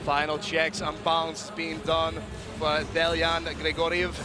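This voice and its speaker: A man's voice: fairly high pitch, completely flat delivery, a little slow, crowd noise. A man commentating a fight broadcast, reading out fighter records in a polished broadcaster's manner. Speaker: play-by-play commentator. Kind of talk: sports commentary. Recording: music under the voice.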